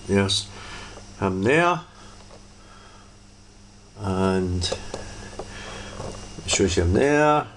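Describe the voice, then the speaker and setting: A man's voice: low-pitched, lively intonation, drawn-out words, pauses often, noisy background. A man casually reviewing a toy, rambling and hesitant, often repeating himself as he goes.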